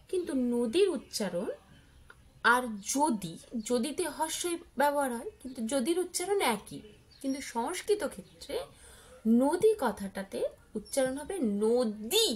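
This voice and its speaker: High, lively-voiced woman teacher. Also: poor audio. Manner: explains step by step with questions to pupils; drawn-out word examples. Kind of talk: children's grammar lesson.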